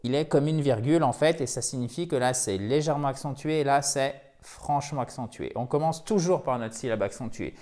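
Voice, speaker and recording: A man who teaches English pronunciation and repeats each word slowly and carefully. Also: mid-range voice, darkish tone. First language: French. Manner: explains step by step, repeats English words slowly. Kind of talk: phonetics lesson.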